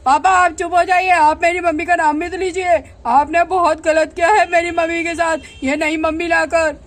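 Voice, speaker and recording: Lady doing a mad little boy yelling at his dad, doll story, very high voice. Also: flat delivery, normal speed. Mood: indignant. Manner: indignant, accusing. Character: angry young boy scolding his father.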